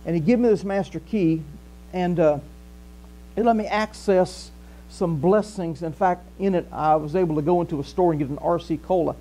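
This is an older man with a Southern accent and a high voice, preaching at normal speed to a small church hall. His sermon is conversational, he walks the stage gesturing animatedly, and the recording carries a faint mains hum.

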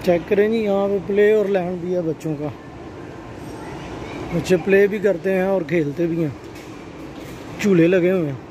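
This high-voiced man in his thirties speaks at normal speed but leaves long pauses while showing viewers around from his car and later a shopping mall. Recorded on a handheld phone with background noise, his travel vlog is chatty tour-guide narration peppered with the catchphrase "check karein ji."

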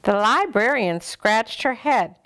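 An older woman gently and expressively reading a picture book aloud to children as a storyteller. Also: on the high side, animated, slow.

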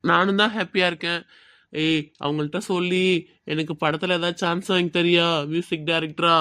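A man's voice: sits high, a bit bright, no room sound. A man playing young film hopefuls who chat as close friends in a web drama. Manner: friendly banter. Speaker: aspiring screenwriter and friend characters.

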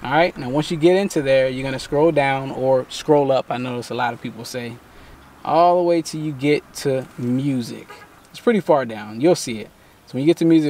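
A man in his thirties who runs a tech channel gives a relaxed walkthrough from inside a parked car in daytime, patiently explaining a fix one step at a time. He has a mid-range voice with a darkish tone.

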